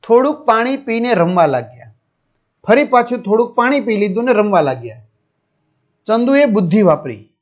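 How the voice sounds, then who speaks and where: High-voiced man teaching a lesson. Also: sing-song, normal speed, highs cut off. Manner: repeats each line, asks the pupils questions. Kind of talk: reading and explaining a school lesson.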